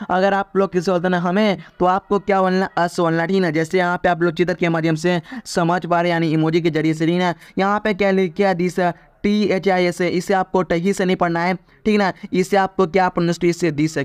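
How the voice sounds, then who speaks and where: Male Hindi English tutor, high flat voice, repetitive drilling delivery. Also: brisk, clear, resonant tone, dry recording. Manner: repetitive quiz-style drilling with "theek hai na?". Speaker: English teacher. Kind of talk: Hindi-language English lesson.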